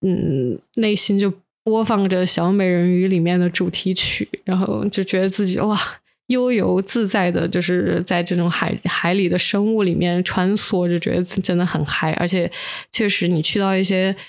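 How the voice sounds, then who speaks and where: A woman from inland China co-hosts a podcast while feeling sick, casually sharing personal stories in Mandarin sprinkled with English words. She speaks at a moderate pace in a voice on the low side with fairly even intonation.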